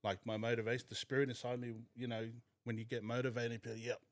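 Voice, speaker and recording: A man's voice: mid-range voice, little pitch movement, quick pace, no echo. A young man from New Zealand, talking candidly and thoughtfully as a podcast guest. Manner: candid, reflective. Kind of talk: casual chat.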